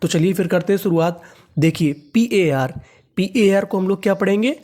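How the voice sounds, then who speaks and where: Man, teacher, classroom lesson, slow repeated drills, asks and answers himself. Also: high voice, a little mellow. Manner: drills words slowly, repeating each several times. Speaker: English teacher.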